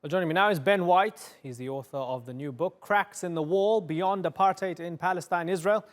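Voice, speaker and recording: A male news host moderating a debate with brisk, pointed questions. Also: sits high.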